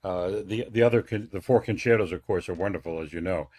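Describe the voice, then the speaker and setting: A man's voice: sits low, fast talker, a little mellow. A man hosting a radio interview, speaking with many hesitations and restarts. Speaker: radio host.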